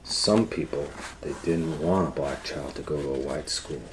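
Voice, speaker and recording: With a rumbling low voice and background noise around him, a man reads a children's book aloud as a storytime educator. He keeps his phrases simple and deliberate and pauses for explanatory asides.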